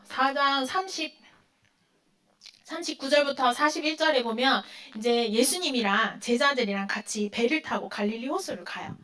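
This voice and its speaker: Speaking in a high, pushed, bright voice, a woman delivers a sermon to teenagers. She asks her young listeners questions, supplies the answers herself, and acts out quotations with dramatic flair.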